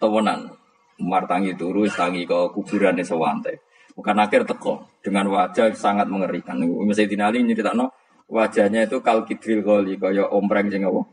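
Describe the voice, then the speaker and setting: A man's voice: lowish voice, steady tone, fairly quick, rough recording. A man with a Javanese accent giving a religious study sermon, telling stories with dramatic bursts and frequent laughter. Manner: storytelling, switching into dramatic shouted quotes; laughs often while telling. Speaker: Islamic preacher.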